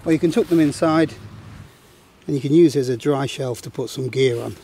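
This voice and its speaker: A man in his forties calmly talking through a camping setup, step by step, in an open meadow outdoors. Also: medium pitch, brisk, a little hiss or hum. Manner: plain, matter-of-fact instructional talk. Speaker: outdoor gear vlogger.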